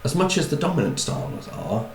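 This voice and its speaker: A man's voice: fairly high pitch, sing-song, a little fast, echoey room, rough recording. A man giving a chatty talk on personality types, with wry asides and repeated words. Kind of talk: talk to an audience.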